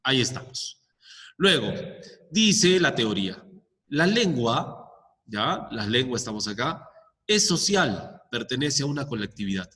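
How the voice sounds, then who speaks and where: Animated male teacher explaining step by step. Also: mid-range voice, unhurried. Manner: checks in often with "¿ya?", explains step by step with examples. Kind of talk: explaining a lesson to students. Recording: long echoing reverb.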